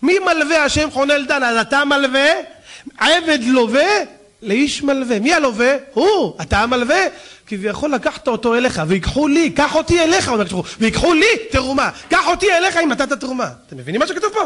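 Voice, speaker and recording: A man giving a sermon, telling stories animatedly and swinging from loud exclamations to hushed asides. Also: very high voice, expressive. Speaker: rabbi.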